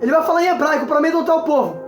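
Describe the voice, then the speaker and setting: A man's voice: extremely high pitch, rapid-fire. A man with a Brazilian Portuguese accent preaching a sermon as an evangelist, repeatedly urging his listeners to pay attention. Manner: exhorting, repeats calls to listen. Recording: echoey room with faint music.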